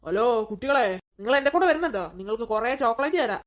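A woman's voice: a little high, lively intonation, fast talker, natural voice. A woman voicing a menacing male kidnapper in a cartoon, luring children with sweets and then threatening them. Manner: threatening, taunting, mocking laugh.

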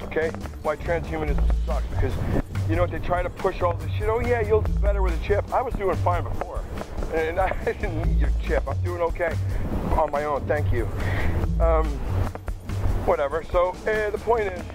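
A man's voice: a little high, normal speed, over music, rough recording. A middle-aged man rambling casually and swearing as he walks outdoors, recorded through headphones used as a microphone, with clicking and tapping. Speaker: outdoor vlogger. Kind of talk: rambling casual monologue to camera while walking. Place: outdoors in open grassland, walking.

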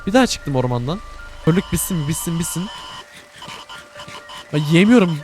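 A man's voice: a little high, animated, quick pace, darkish tone, soft background music. A young man giving scared, jumpy commentary while playing a game, talking to his viewers. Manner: jumpy, scared, addresses viewers, frequent exclamations. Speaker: gaming YouTuber. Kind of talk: live gameplay commentary.

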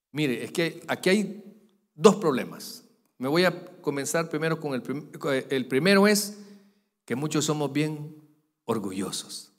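A male pastor preaches in a fairly high, very lively voice. His delivery jumps from loud, stretched-out calls down to soft, confiding asides. The sound carries a long reverb from a large church hall. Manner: animated preaching, voice swinging from loud peaks to quiet asides. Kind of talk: sermon.

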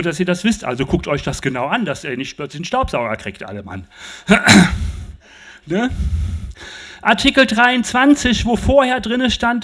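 A man's voice: sits high, fairly bright tone. An older man giving an emphatic public talk on a festival tent stage with a handheld mic, often asking the audience rhetorical questions. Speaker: lecturer.

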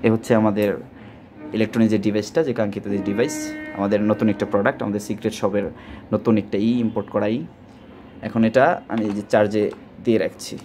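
Presenting and selling a product at an indoor table, a Bangladeshi-accented man speaks fast in a warm, low voice with fairly even intonation. He repeats himself and drops in English words, with faint music and clearly audible ambient noise behind him.

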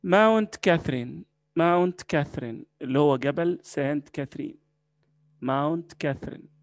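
Gravelly Egyptian man teaching English words. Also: on the high side, no echo. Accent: Egyptian Arabic. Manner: slow, repeating each word several times. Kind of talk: vocabulary lesson.

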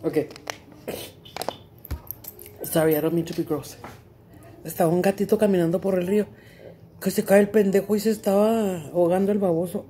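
A woman's voice: mid-range voice, steady tone, normal speed, long pauses, dark tone, slight background noise. A middle-aged woman with a Mexican accent, chatting casually to her viewers at home, mixing English and Spanish with crude slang and plenty of laughter. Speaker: vlogger. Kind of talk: casual chat to camera.

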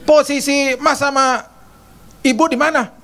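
A woman's voice: steady tone, unhurried, fairly bright tone. A man voicing a flustered, bossy middle-aged housemaid who is devoted to the family. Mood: bossy scolding. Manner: high, fussy, scolding.

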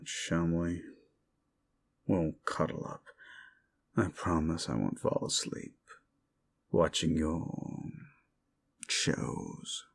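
In an intimate roleplay drama, a man acts as a smug male demon who mocks his listener. His exaggerated voice is low and creaky with vocal fry, and his pitch swings widely as he talks down to the listener with a sardonic, exasperated drawl throughout.

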